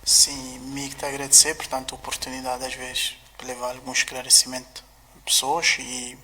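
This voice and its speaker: A man, a prosecutor, speaking in a formal, measured way. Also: medium pitch, completely flat delivery, bright, forceful tone, in a large hall, slight background noise. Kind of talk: interview.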